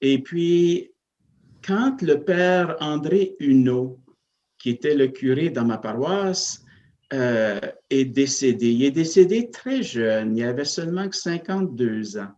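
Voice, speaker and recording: The slightly dull sound, like an old TV broadcast, carries a parish priest from Northern Ontario, Canada, telling personal stories in an interview. He speaks slowly and reflectively about his family and faith, hesitant and full of fillers and restarts, in an ordinary-pitched voice that is animated with a darkish tone.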